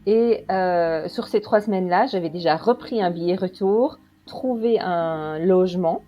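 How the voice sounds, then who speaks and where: A woman, a podcast guest telling her story casually with many pauses and fillers. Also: lowish voice, muffled recording. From Belgium. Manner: relaxed, hesitant, with many fillers. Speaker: interview guest.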